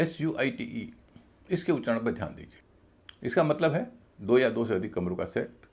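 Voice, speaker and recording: A man's voice: on the low side, a little mellow. A man teaching English pronunciation in a video lesson, spelling words out letter by letter and then repeating the correct form.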